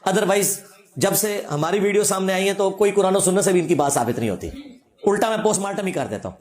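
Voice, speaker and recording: Religious scholar, male, high voice, sarcastic debunking tone, roomy echo. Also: animated, a little mellow. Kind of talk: reaction lecture.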